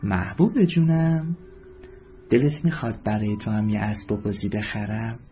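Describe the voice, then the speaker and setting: A man voicing a kind, gentle mother who speaks with soft, affectionate coaxing in a storybook reading. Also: on the low side, natural voice. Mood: tender. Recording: dull lo-fi with faint music.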